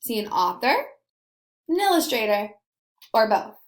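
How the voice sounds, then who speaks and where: An elementary school teacher leads young children through a read-aloud lesson, slowly and deliberately stressing key words and asking her pupils questions. Her voice is a little high with big pitch swings, and the recording is roomy and echoey.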